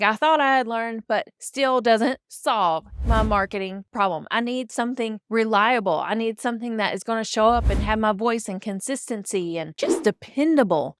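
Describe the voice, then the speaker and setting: A woman's voice: fairly high pitch, no echo, studio quality. A woman therapist telling a casual story straight to her viewers in a chatty way, often talking to them directly. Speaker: therapist and business coach.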